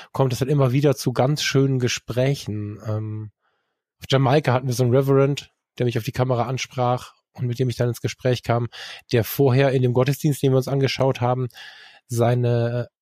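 A man's voice: mid-range voice, mellow, no room sound, clean studio sound. A man talking casually about his travels with a camera, rambling, with many fillers and self-corrections. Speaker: guest photographer. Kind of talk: casual storytelling in a podcast conversation.

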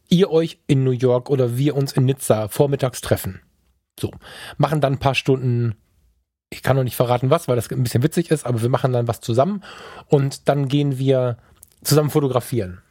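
A man co-hosting a podcast, talking casually and colloquially, lively and sometimes stammering. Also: mid-range voice, brisk, no room sound, clean studio sound. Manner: energetic, colloquial, stammers at times. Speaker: podcast co-host and photographer.

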